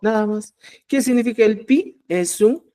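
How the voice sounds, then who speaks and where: A man teaching a live online language class, speaking slowly and with emphasis, and often checking whether the students follow. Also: high-pitched, mellow. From Peru. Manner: checks understanding with repeated "¿ya?"; slow, emphatic drilling of example words.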